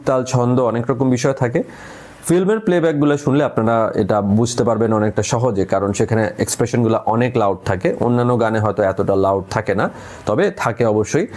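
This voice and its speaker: A man with a Bangladeshi Bengali accent talks through a singing lesson at a middle pitch for a man. He explains calmly and slows down on example phrases to show the stressed words. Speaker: vocal coach.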